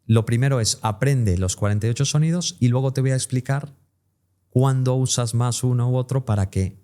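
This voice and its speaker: A man's voice: medium pitch, a little fast, warm tone. A man, an English teacher and interview guest, who explains pronunciation and demonstrates English sounds as he talks.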